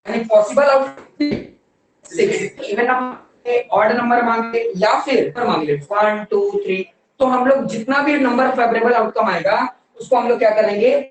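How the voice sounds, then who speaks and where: A woman teaches a classroom lesson in a fairly high voice, checking often that students follow her. She slows right down whenever she dictates a definition. She is heard from across a very echoey room. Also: far from the mic. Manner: mixes Hindi with English terms, asks students frequent questions. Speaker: maths teacher. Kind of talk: classroom lecture.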